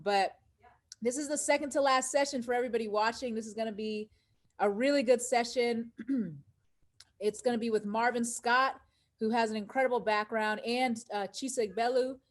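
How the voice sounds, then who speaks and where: A woman's voice: a little high, steady tone, moderate pace. A woman hosting a live-stream interview over a video call, upbeat and speaking straight to her viewers. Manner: upbeat, addresses viewers directly. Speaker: host.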